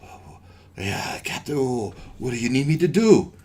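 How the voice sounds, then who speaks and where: A man's voice: on the high side, very animated, measured pace, fairly bright tone, a little hiss or hum. A man voicing a confused male carpenter just turned back from a pig, in a tabletop game. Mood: dazed. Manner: confused, bewildered. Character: dazed male carpenter, newly un-cursed.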